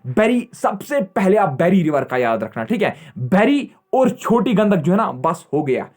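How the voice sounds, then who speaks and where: Young guy teaching exam prep, pretty high voice, keeps repeating stuff and asking then answering his own questions. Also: big pitch swings, measured pace, darkish tone. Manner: repetitive, checks in with "theek hai" constantly; quizzes students and answers himself.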